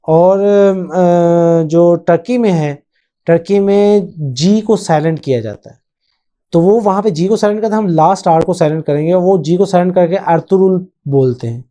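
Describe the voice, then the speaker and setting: A man hosts his own channel in relaxed, off-the-cuff commentary. His voice sits somewhat high, yet the tone is deeply mellow and unforced. He rambles with frequent hesitations and drops English phrases into his talk. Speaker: channel host. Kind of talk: casual spoken commentary.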